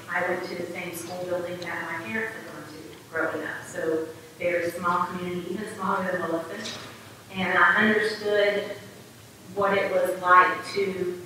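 Teacher lady talking in a doc clip, flat steady voice, sounds far off and really echoey. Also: lowish voice, slight background noise. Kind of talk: documentary interview. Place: classroom, indoors. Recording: film clip heard from far off in a roomy hall.

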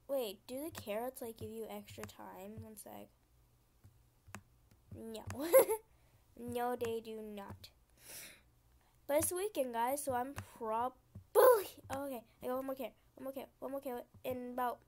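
A young woman YouTuber gives running commentary as she plays a computer game. She keeps up a chatty flow and vents her frustration out loud. Her voice sits a bit high, and a faint background hiss runs under the recording. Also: normal speed, vocal fry. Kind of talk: gaming commentary.

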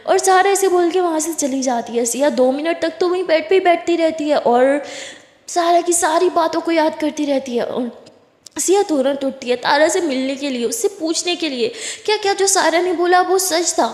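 A woman casually narrating a romance story aloud, voicing the characters' lines with lively shifts. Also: extremely high pitch, moderate pace. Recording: echoey room with long reverb.

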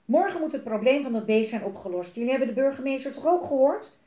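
A woman's voice: high voice, lively intonation, quick pace, warm tone, voice pushed up. A woman voicing a self-important father, a councillor, who stammers and grumbles crossly, in a roomy space. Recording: roomy echo.

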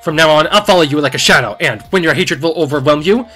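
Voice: mid-range voice, fast talker, bright, forceful tone, soft background music, voice pushed up. A video game player voicing a bitter, jealous shadow double with theatrical villain menace, unhinged in temper. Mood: gloating menace.

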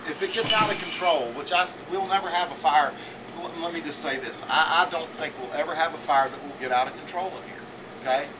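A man in his forties demonstrates in a school teaching kitchen, rambling through his points and tagging them with "okay?". His voice sits a bit high and is picked up by a camera a few feet away, with a steady air-conditioning hum underneath. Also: distant mic. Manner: rambling, repetitive, checks in with "okay?". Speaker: culinary teacher. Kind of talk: classroom cooking demonstration. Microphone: camera mic from a few feet away.

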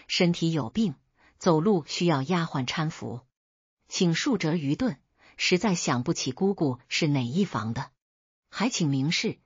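A woman narrating a folk tale in a measured storytelling read, voicing the characters' lines herself. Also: fairly low pitch, a little mellow, husky, no room sound. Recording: dull lo-fi dry recording.

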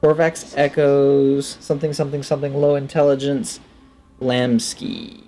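A gaming video host in his thirties speaks unhurriedly into a headset, his mellow, medium-pitched voice barely rising or falling. Over soft background music he muses to himself while playing, offering casual let's play commentary and reading game text aloud.

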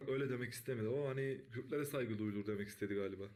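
A man streaming live blackjack, talking to his chat, swearing a lot and breaking into excited shouts. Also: mid-range voice, very fast, slight background noise. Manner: profane, bursts into excited shouting.

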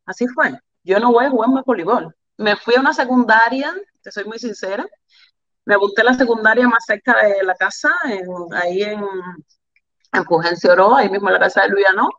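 A woman's voice: mid-range voice, fairly quick, muffled recording. Candid Cuban woman telling her story. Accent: Cuban Spanish. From Cuba. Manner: animated, candid, repeats phrases for emphasis. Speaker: interview guest, volleyball player. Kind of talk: storytelling in an interview.

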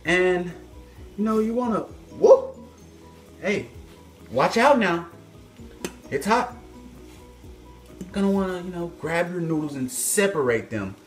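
Slow and pausing often, a young man's high, lively voice carries over soft background music as he pretends to be a cooking expert for a playful home video. He jokes with his audience while moving about the stove, filmed indoors by a phone camera on a stand several feet off, so the kitchen sounds echoey.

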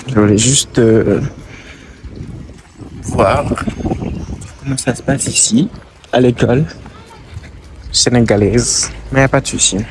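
Out on busy city streets, a young man in a mid-range voice narrates a travel vlog into a handheld camera as he walks. He thinks aloud in a casual, faltering way, restarting lines, and the outdoor recording picks up traffic and street noise.

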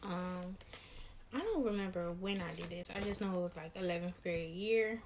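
A woman's voice: on the low side, normal speed, slight background noise. A young woman in her twenties from Maryland, chatting candidly and a bit tiredly in a casual Q&A vlog, with a slangy, easygoing way of talking. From Maryland, USA. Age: 20s. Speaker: vlogger and lash business owner.

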